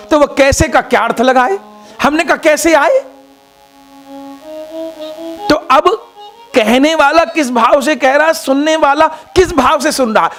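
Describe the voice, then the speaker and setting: High-voiced man giving a slow devotional discourse. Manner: expressive, explains verses slowly and emphatically. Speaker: devotional storyteller.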